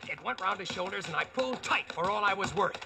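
A cocky wisecracking Yankee. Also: male voice, high voice, animated, fast, gravelly, heavy background noise. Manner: cocky, slangy storytelling. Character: brash wisecracking male American narrating his own adventure. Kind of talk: 1940s radio acting.

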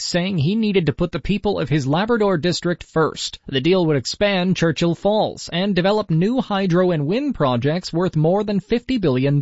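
A man reading a scripted news bulletin in a steady, formal way. He is heard over AM radio. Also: sits high, dry recording. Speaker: newsreader. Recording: dull lo-fi AM radio broadcast.

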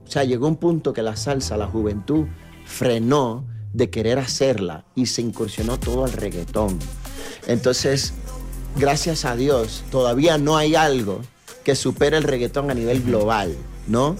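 A man from New York talks casually as an interview guest, animated and full of fillers and little tag questions. Faint music plays underneath his voice. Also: medium pitch, a little slow. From New York, USA. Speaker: reggaeton artist, guest.

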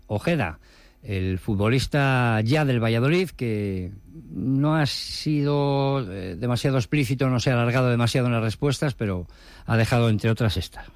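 A man's voice: medium pitch, a little mellow, no room sound. A man reporting sports news on the radio in a conversational way with fillers.

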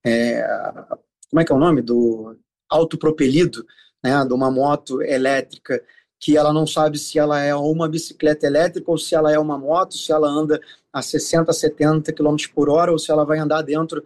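Higher-voiced Carioca man, halting delivery. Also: level tone, darkish tone. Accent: Carioca Brazilian. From Rio de Janeiro, Brazil. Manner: hesitant, repeats filler sounds while searching for words. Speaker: city official being interviewed. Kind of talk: explanatory interview answers.

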